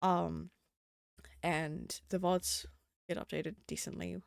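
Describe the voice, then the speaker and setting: A woman's voice: lowish voice, flat delivery, slow, vocal fry, smooth, dry recording, clean studio sound. A young adult woman streaming, chatting casually in a rambling, profane way, full of fillers. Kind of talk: casual livestream chat.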